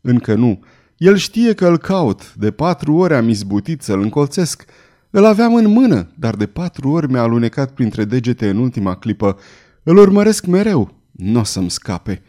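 A brooding swordsman bent on vengeance, read by a male narrator. He speaks low and stern, with a menacing edge and a dark, mellow tone. The pitch rises and falls with feeling. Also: sing-song, lightly acted. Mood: resolute.

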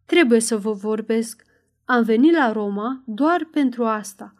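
A woman's voice: on the high side, lively intonation, lightly acted. A woman voicing a wary, earnest old male servant in an audiobook. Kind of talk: audiobook character voice.

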